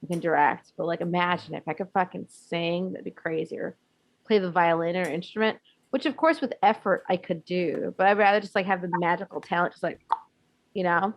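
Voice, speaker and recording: A woman's voice: on the low side, a little fast. A woman co-hosting a podcast in casual chat, rambling and self-deprecating with plenty of swearing. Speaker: podcast co-host.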